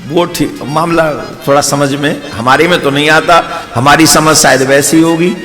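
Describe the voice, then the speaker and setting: A man's voice: a little high, steady tone, unhurried, fairly bright tone. A man with a Braj-tinged Hindi accent telling a devotional story as a sermon, adding playful asides to the listeners. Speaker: spiritual preacher. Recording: long hall reverb with faint music.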